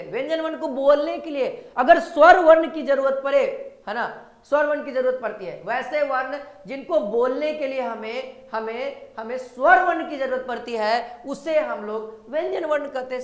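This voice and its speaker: A woman teaching a grammar lesson for exam prep, often repeating her points and calling viewers sir and brother. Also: high-pitched. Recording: echoey room.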